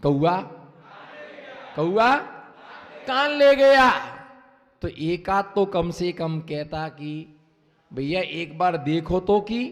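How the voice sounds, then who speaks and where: A man's voice: sits high, creaky, a bit bright, long reverb tail. A man, a Jain monk, giving a sermon with rhymes and parables, in a sing-song call-and-response way that acts out the voices in his stories.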